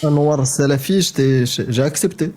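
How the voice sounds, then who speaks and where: Man, live stream co-host, mellow dark voice, friendly, halting. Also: on the high side. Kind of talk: casual live-stream chat.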